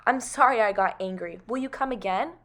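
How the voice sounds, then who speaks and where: A woman's voice: medium pitch, fairly quick, fairly bright tone, natural voice. A woman voicing an upset, protective young mother in a storybook who scolds and exclaims. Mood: softened.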